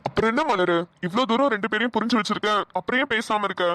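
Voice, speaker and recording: A voice actor playing an elderly husband and father in a cartoon, gentle and fumbling, who stammers and coaxes. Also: medium pitch, quick pace, close to an everyday voice. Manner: stammering, coaxing. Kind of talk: cartoon dialogue.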